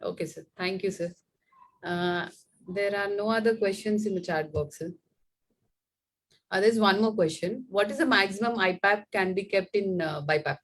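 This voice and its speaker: A woman's voice: medium pitch, normal speed. Polite female moderator, Indian accent. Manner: polite, deferential. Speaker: webinar moderator. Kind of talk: formal question relaying.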